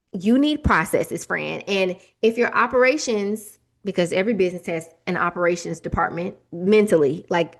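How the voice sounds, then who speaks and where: A young woman, hosting a solo business podcast in a chatty, direct way. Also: mid-range voice. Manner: chatty, direct, addresses listeners as y'all and friends. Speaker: podcast host.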